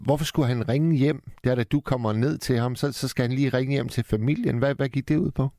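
A man interviewing a guest, asking curious, halting questions. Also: mid-range voice, creaky, warm tone, no room sound, clean studio sound.

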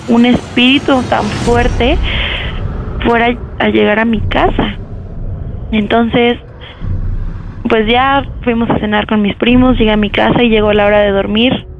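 A young woman calling in, telling a personal ghost story in halting speech that repeats words. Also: a little high, steady tone, creaky, a little hiss or hum. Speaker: caller. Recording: dull phone line.

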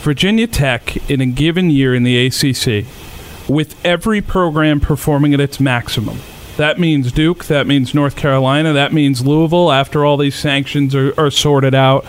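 A man's voice: mid-range voice, moderate pace, slight background noise. A man from Rhode Island, co-hosting a casual sports podcast chat, making his case by stacking up points. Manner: building lists of points. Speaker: podcast co-host.

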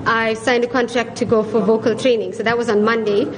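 A woman's voice: a little high, little pitch movement, brisk, rough recording. South African woman, crowd chatter behind. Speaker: restaurateur and singer. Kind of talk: interview answers.

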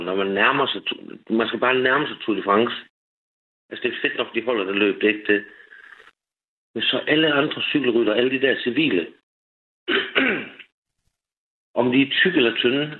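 A male caller on a radio show who rambles through stories and laughs at his own wild ideas. His voice sits in a middling pitch. It comes through a thin, tinny phone line. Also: slightly rough. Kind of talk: casual radio chat.

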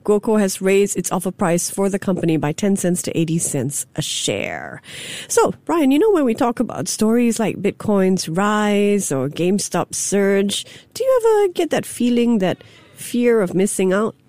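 A woman's voice: medium pitch, sing-song, normal speed, warm tone, no echo. Woman presenting radio market news. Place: radio studio. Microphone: studio microphone.

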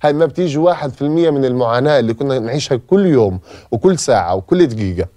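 A man's voice: mid-range voice, lively intonation, very fast, warm tone, no room sound. A man from Gaza with a Palestinian accent gives an emotional personal testimony as a podcast guest and repeats phrases for emphasis. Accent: Palestinian Arabic.

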